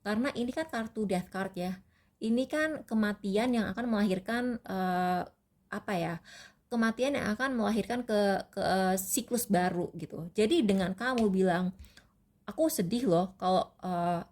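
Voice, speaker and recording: A woman's voice: mid-range voice, normal speed, a little mellow. A woman from Indonesia talks through a tarot reading and gives advice. Her delivery is casual and rambling, full of fillers and restarts, like chatting with a friend. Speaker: tarot reader.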